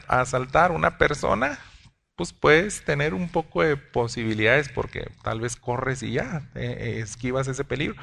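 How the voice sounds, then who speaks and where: A man preaching a sermon, often addressing the congregation as brothers and pausing to restart his words. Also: medium pitch, gravelly, pushed and bright. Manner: addresses listeners as brothers, with frequent hesitations and restarts.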